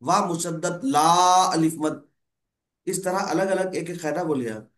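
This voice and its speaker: A man's voice: fairly high pitch, a little slow. A man teaching Quran recitation rules, patiently correcting a student and explaining step by step. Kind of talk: online tutoring lesson.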